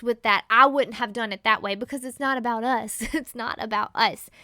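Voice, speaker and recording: A woman giving a casual Bible teaching as a podcast host, animated and laughing often as she acts out everyday scenes. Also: sits high, dry recording, clean studio sound.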